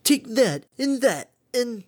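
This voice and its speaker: Dude doing a goofy sweet clumsy pony girl, high pitched, eager, stammers a bit. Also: very animated, slow pace, darkish tone, heavily acted. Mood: eager, earnest. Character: cheerful, clumsy, dim female pegasus pony.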